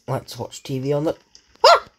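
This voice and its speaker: A man doing let's-play commentary, excitable and swearing at the game while muttering to himself. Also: medium pitch, normal speed, background noise. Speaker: gamer.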